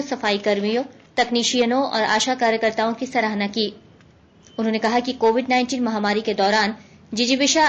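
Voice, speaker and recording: A news reader with a fairly high voice delivers a formal radio news bulletin, fully scripted from start to finish. The audio sounds slightly dull and band-limited.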